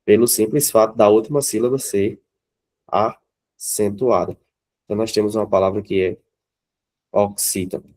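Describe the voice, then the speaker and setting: A man's voice: on the low side, fairly even intonation, normal speed, pauses often, a little mellow. A man with a Brazilian Portuguese accent teaching grammar to a class of students, often checking in with them and asking them questions.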